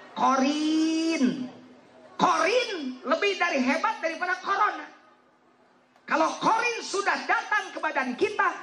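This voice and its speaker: Guy preaching n cracking jokes at the crowd, sharp bright voice, roomy hall sound. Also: very high voice. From West Java. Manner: joking, teasing the audience, asking it to answer back. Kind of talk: humorous sermon to a live congregation. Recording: echoey hall with faint crowd.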